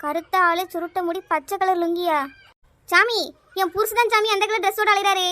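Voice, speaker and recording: A woman's voice: very high voice, fairly even intonation, a little fast, sharp tone, no room sound. A woman voicing a frantic, hot-tempered village wife in a cartoon, wailing with a Kanyakumari Tamil accent. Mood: eager.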